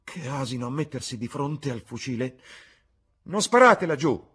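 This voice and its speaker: A man reading aloud, voicing an aristocratic man who shouts in alarm during a hunt. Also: medium pitch, fairly even intonation, fairly quick, breathy edge, voice pushed up. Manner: loud, exclaiming, raised voice.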